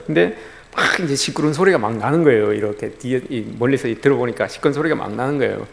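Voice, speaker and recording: A middle-aged pastor with a gravelly, medium-pitched voice preaches a sermon in a church sanctuary. He tells stories conversationally and frequently addresses his listeners. The church hall gives the recording a long reverb.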